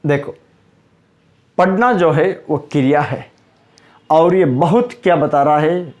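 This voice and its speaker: A man teaching a Hindi grammar lesson, quizzing his students and slowly repeating the key terms for emphasis. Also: a little high, darkish tone.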